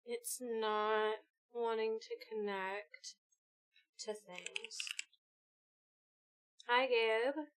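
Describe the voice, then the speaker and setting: A woman's voice: fairly high pitch, fairly even intonation, extremely slow, long pauses, smooth. A young woman streamer chatting casually while setting up her stream. She is laid-back, laughs often and swears freely.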